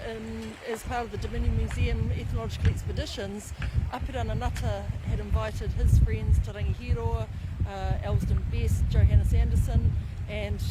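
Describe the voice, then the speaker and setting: A woman with a New Zealand accent giving an unscripted explanation outdoors as an interviewee. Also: fairly high pitch. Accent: New Zealand English. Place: outdoors by a river. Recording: noisy outdoor riverside with clicks.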